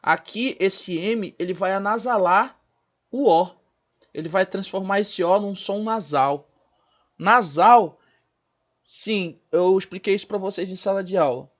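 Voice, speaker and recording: A man teaching a recorded school lesson, spelling out sounds one by one and asking his students questions as he goes. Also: high-pitched. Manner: explains slowly, spells out sounds and asks the class questions.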